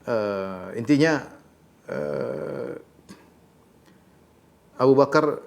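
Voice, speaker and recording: A middle-aged man giving a religious lecture, reciting short Arabic passages and then explaining them in an animated storytelling way. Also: medium pitch, drawn-out words, vocal fry. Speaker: Islamic teacher.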